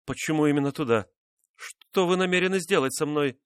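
A man's voice: moderate pace, dry recording, clean studio sound, close to an everyday voice. A man voicing a frightened noblewoman who pleads with her cruel husband in an audiobook. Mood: pleading. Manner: high, pleading, tearful. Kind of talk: audiobook character reading.

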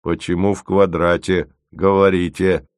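A man's voice: deep voice, little pitch movement, smooth, dry recording, clean studio sound. Man voicing a weary sardonic computer. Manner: measured, precise, sardonic. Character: weary sardonic male computer, clever and tired.

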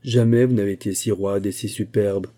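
A man reading the part of a clever musketeer who has become a bishop, reasoning calmly and reassuring his friend. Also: lowish voice, fairly quick, natural voice. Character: Aramis, sly clever musketeer bishop, coaxing.

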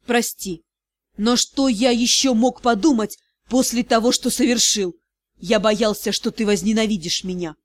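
A woman voicing a young male magister in a hushed, hoarse way. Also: mid-range voice, a little slow, voice pushed down, natural voice. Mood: pleading. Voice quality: hoarse, muffled.

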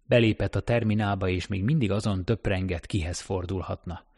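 Deep gravelly male narrator. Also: steady tone, a little mellow, no room sound, studio quality. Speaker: audiobook narrator. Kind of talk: scripted narration.

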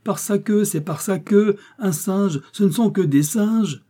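A man voicing an excitable, cheerful male servant in an audiobook, speaking eagerly and brightly. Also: mid-range voice, brisk, husky, lightly acted. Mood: excited.

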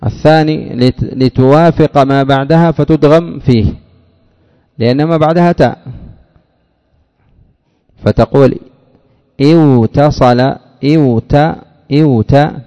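Man lecturing on grammar, gravelly dark voice, step-by-step explanations, rhetorical questions, long hall reverb. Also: medium pitch, highs cut off. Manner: drawls out example words slowly. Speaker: Arabic morphology teacher.

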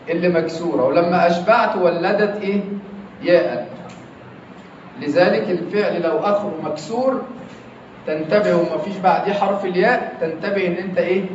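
A man's voice: sits high, a little hiss or hum. A man with an Egyptian accent teaching grammar in a classroom, quizzing his students again and again. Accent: Egyptian Arabic. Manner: quizzing students with repeated questions. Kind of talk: classroom lesson. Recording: echoey classroom, distant, dull lo-fi.

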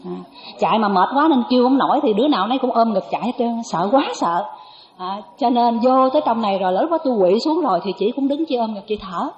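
A woman, a Buddhist nun, giving a dharma talk to an audience. She tells a personal story with lively, animated delivery and acts out the dialogue. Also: a little high, fast. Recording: echoey, dull lo-fi recording.

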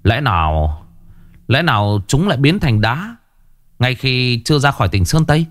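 A man voicing an alarmed grown son who cries out in a high, frantic voice, in a storybook reading. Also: big pitch swings, normal speed, fairly bright tone, no room sound, clean studio sound. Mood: urgent.

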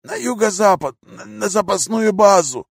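A terrified male captive with a high, gravelly, wheezing croak, as a male narrator puts him on. He gives short, clipped answers under interrogation, his voice husky and strained. The audiobook recording is dry and close. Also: animated, normal speed, no echo, exaggerated voice. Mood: frightened.

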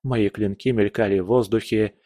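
A man reading a first-person fantasy audiobook, pushing up his pitch and volume for the shouted dialogue. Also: steady tone, normal speed, no echo, studio quality. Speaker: audiobook narrator.

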